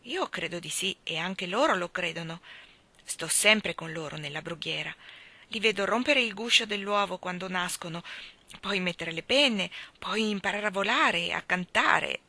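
A woman reading the part of a friendly country boy who talks to animals, in a warm, sometimes hushed voice. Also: lowish voice, normal speed.

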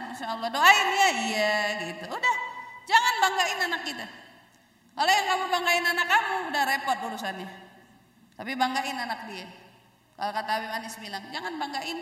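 A woman's voice: high-pitched, pushed and bright, echoey room, in a large hall, far from the mic. A woman religious teacher giving a chatty sermon, acting out the people she quotes. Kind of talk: casual sermon.

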